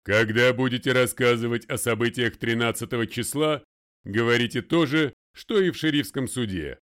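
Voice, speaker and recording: A man voicing a domineering older male lawyer in an audiobook, loud, commanding and deliberate. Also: mid-range voice, natural voice. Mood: stern. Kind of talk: audiobook character voice.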